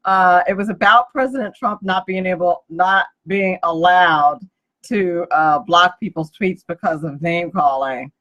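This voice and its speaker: A woman's voice: lowish voice, a little slow, fairly bright tone, highs cut off. A woman hosting a business radio talk show, chatty and giggly as she introduces her guest. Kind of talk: casual radio chat.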